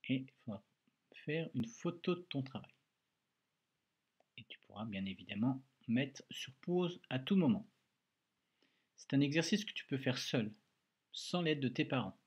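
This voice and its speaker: A man's voice: medium pitch, lively intonation, unhurried, pauses often, husky, highs cut off. A man teaching a French dictation lesson to young children at home, talking to them directly and patiently with frequent "hein". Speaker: primary school teacher. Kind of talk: recorded remote dictation lesson.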